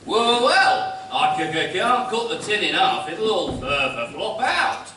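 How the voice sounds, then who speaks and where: Man playing a stammering, high-pitched pantomime shopkeeper. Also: sing-song, a little slow. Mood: cheery, flustered. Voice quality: heavy stammer. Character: stammering, tight-fisted middle-aged shopkeeper, cheeky flirt. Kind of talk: broad comic amateur pantomime acting. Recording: very echoey hall, far mic, faint noise.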